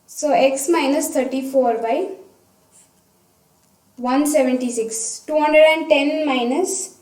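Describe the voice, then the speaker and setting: Speaking slowly in a soft, high, steady voice, a female science teacher explains a worked problem one step at a time, narrating her method aloud. She's recorded far from the mic in a room with a roomy echo.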